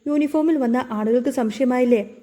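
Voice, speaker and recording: A woman's voice: high voice, normal speed, dark tone, close to an everyday voice. A woman voicing a stern woman who poses as a police officer and bluffs and threatens.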